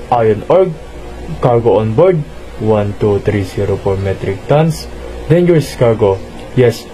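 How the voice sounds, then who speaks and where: A man's voice: mid-range voice, mellow, close to an everyday voice, rough recording. A man playing a ship's officer calling port in a scripted marine radio exchange, formal and orderly. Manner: formal, spells numbers out digit by digit. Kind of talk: scripted marine radio communication, procedural phrases.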